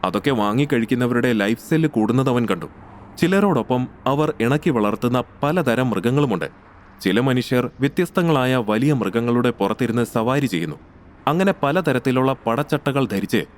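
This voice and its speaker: A man narrating a scripted audio story in a steady, measured way. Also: mid-range voice, a little hiss or hum.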